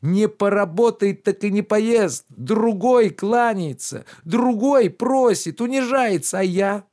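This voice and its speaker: A man voicing a pampered, idle middle-aged gentleman who lectures his servant in a shrill, indignant tone. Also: takes it slowly. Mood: shrill outrage.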